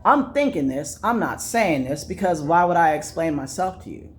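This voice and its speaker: A man's voice: a little high, expressive, normal speed. Blunt, profane man telling a story. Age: adult. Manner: repeats phrases for emphasis. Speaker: vlogger. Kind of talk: casual storytelling monologue.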